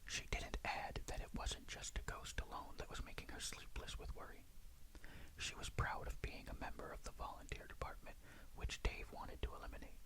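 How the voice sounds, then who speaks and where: A storyteller reading a ghost story in a breathy, hushed, suspenseful whisper, in ASMR style. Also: moderate pace, poor audio.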